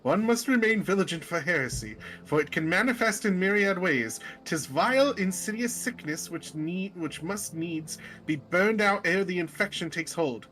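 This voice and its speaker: A woman voicing a pompous, dramatic gentleman inspector with grand, theatrical exclamations. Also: on the low side, animated, normal speed, hardly any pauses, pitched above the performer's own voice.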